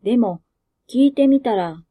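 A woman with a Kansai accent who reads short fiction aloud and then chats about it in a soft, self-mocking way. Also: a little high, lively intonation, a little slow, breathy edge. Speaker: narrator and host of a reading channel. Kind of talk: reading flash fiction aloud, then casual chat.

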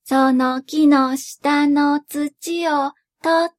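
A woman voicing an old male poverty god who speaks slowly and softly in old-fashioned, rustic speech. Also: high voice, voice pushed up. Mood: whispering.

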